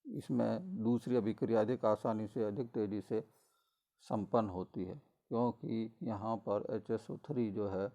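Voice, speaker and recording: A middle-aged male lecturer walks through a chemistry lesson in a measured, explanatory way, often pausing on fillers and correcting himself. His voice sits low and carries a gravelly fry, with a dark, mellow tone. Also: steady tone. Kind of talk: recorded college lecture.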